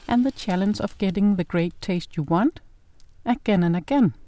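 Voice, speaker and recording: A middle-aged Danish woman hosts a podcast in English, her non-native Danish accent clear. She delivers calm, measured, scripted narration in a mid-range voice.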